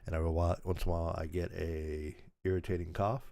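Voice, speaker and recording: An older man hosting a casual livestream, his voice raspy from a recent sore throat, rambling easily and laughing at himself. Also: low-pitched, little pitch movement, fast, dark tone. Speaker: channel host.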